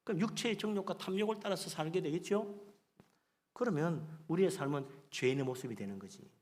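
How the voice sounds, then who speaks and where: A man preaches to his congregation in a high, ringing voice, with the sound hanging in a long church reverb. He keeps prompting listeners and slips into acted-out boasts of everyday people. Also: a little fast. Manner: animated preaching, acts out boastful people in quoted asides. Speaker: pastor. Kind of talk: sermon. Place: church sanctuary.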